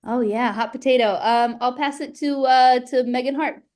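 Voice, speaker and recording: A woman's voice: high-pitched, fairly even intonation, normal speed, a little mellow. A woman, a project manager, introducing herself on a video call with many fillers.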